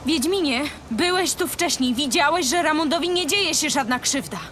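A woman's voice: high voice, moderate pace, a bit bright, slight background noise. A woman voicing a proud, sardonic succubus in a video game, with a haughty, teasing way of talking. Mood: dismissive.

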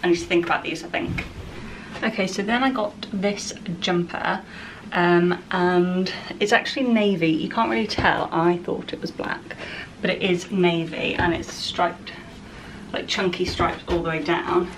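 A woman's voice: lowish voice, a little slow. A young woman chatting casually through a clothing try-on haul at home, rambling with lots of "like" and "um". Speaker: fashion vlogger. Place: home, indoors. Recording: distant camera mic with steady background noise.

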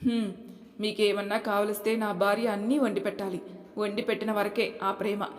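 A woman's voice: fairly high pitch, brisk, a little mellow, natural voice. A woman voicing an angry grown son who accuses his own mother, in a roomy hall with long reverb. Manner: heated, accusing.

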